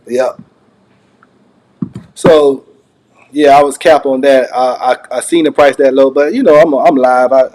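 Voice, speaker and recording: A mellow, medium-pitched male voice belongs to an online channel host reacting to a recorded call. His unscripted commentary is casual and rambling, looping back over things he has already said.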